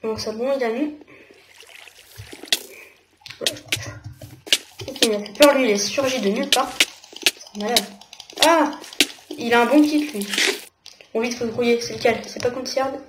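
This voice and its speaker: Chatty French woman narrating gameplay. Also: fairly high pitch. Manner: chatty, thinking aloud, quick exclamations. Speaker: gamer. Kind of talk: casual gameplay commentary. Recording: echoey room with noticeable noise.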